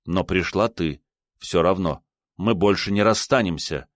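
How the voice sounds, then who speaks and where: An ardent, remorseful lover in a spoken novel, as a man with a very low voice reads him. His delivery is fervent and insistent, full of repeated vows. It is a dry, close recording. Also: measured pace, no echo. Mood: resolute.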